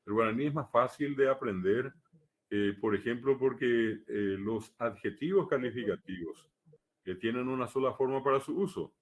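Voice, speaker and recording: A man giving a live academic lecture, measured and explanatory, pausing often on hesitation fillers. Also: medium pitch. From Paraguay. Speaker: lecturer on the Guaraní language.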